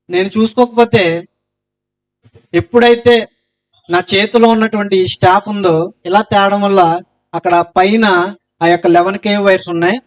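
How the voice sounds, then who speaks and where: High-voiced man giving an earnest testimony. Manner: earnest storytelling, loud cries of Jesus' name. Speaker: testimony speaker.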